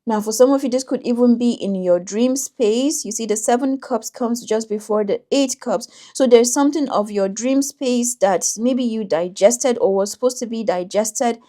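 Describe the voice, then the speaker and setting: A woman doing a tarot reading for viewers, talking in a thoughtful, intuitive way with frequent pauses and restarts. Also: on the high side, mellow. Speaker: tarot reader.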